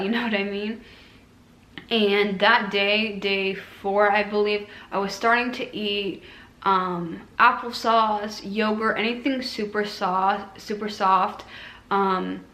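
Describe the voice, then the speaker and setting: A woman's voice: medium pitch, a bit bright. A woman vlogger chatting casually and informally as she recounts a personal experience. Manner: conversational, informal recounting with quoted asides. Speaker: vlogger recounting own surgery recovery. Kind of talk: casual chat to camera. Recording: roomy, echoing room sound.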